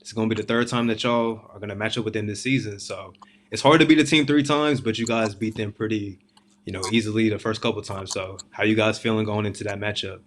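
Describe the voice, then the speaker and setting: Casting: male sports show host, lowish pitch, loose conversational interview style with slangy wording. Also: steady tone, fast talker, slight background noise. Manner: informal slangy phrasing.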